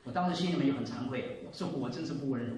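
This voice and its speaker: A man in his seventies giving a sermon and telling a story, moving between loud exclaiming and quiet asides. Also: mid-range voice, rapid-fire, distant mic, a little hiss or hum. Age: 70s. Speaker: preacher. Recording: echoey room, voice from off the mic.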